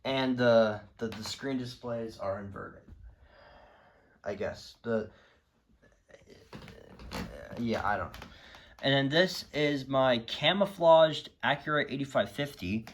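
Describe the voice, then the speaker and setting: In a casual, unscripted show-and-tell, a hobbyist video creator chats about his radio collection, rambling and easily exasperated. He speaks slowly in a mid-range voice, pausing often, with a little hiss or hum in the recording.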